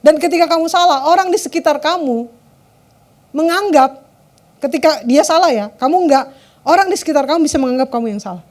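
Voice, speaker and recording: A woman gives a conversational sermon to a youth service, often addressing the audience and letting phrases trail off low. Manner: conversational, keeps addressing the audience, lets phrase ends drop low and soft.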